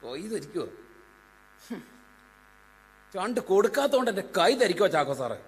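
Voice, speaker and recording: A man acting a hot-tempered young man ready to fight in an amateur stage play, with a threatening, shouting manner. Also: sits high, sing-song, a little fast, gravelly, breathy edge, heavily acted. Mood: grumbling. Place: school stage before an audience. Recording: echoey hall stage recording.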